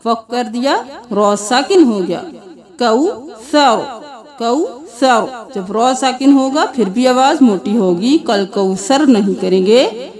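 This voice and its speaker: High-voiced woman teaching chanted recitation. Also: expressive, darkish tone. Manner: alternates slow drawn-out melodic chanting with rapid spoken corrections. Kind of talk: word-by-word chanted recitation lesson with corrections.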